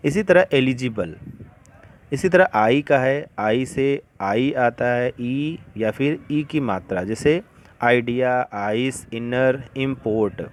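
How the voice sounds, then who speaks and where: A man teaching English to beginners, explaining slowly and patiently with many examples. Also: medium pitch. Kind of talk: beginner classroom-style lesson.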